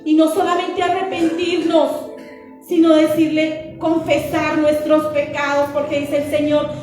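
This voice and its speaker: A woman's voice: sits high, little pitch movement, measured pace. A woman preacher giving an earnest, repetitive sermon with a sing-song cadence. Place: church. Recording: very echoey church with soft music behind.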